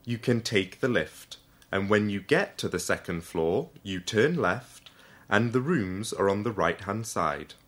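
A man voicing a courteous hotel manager who speaks slowly and clearly to a child learning English, in a storybook reading. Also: lowish voice, lively intonation, fairly bright tone, pitched above the performer's own voice, full character voice.

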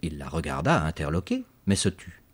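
Man, audiobook narrator, very low voice, husky, animated delivery. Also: fairly quick. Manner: expressive storytelling, lively emphasis. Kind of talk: scripted story narration.

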